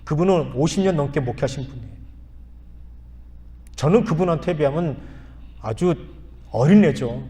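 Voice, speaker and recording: Man in his fifties preaching in a reverberant church. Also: a little high. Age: 50s. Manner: storytelling with soft asides and earnest appeals. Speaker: pastor. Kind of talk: sermon. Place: church sanctuary.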